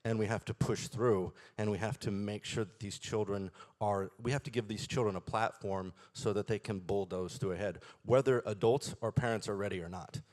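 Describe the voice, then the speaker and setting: A man who heads a school, speaking on a conference panel in a steady, earnest way. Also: on the low side, moderate pace, hardly any pauses. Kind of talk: panel discussion.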